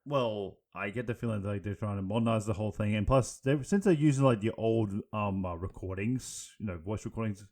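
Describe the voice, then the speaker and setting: Fast-talking man with a low voice. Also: a little mellow. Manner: rapid, halting, many fillers and restarts. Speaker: podcast co-host. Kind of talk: casual chat.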